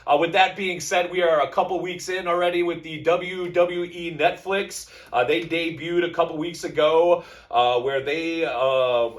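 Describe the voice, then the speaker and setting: A man's voice: a little high, far from the mic. A man hosting a casual wrestling talk show, upbeat, laughing often and using lots of "uh" fillers. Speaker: podcast host.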